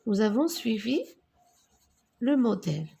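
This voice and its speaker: A woman teaching a grammar lesson to children, patient and deliberate, spelling out each answer as she writes it. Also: on the high side, very animated, gravelly, warm tone, slightly rough. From North Africa. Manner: slow, patient, spells out answers while writing.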